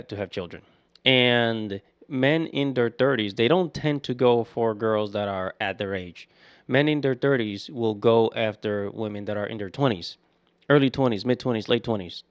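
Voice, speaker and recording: An opinionated man in his thirties reacts in casual commentary. He leans on repetition to hammer his points, at a middle pitch. The sound is close and dry. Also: moderate pace, clear, resonant tone, no room sound. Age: 30s.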